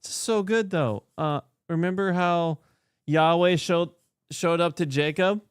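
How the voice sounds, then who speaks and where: Smooth-voiced man reading aloud on stream. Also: a little high, unhurried, no room sound. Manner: animated, joking asides while reading aloud. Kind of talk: casual gaming chat and scripture reading.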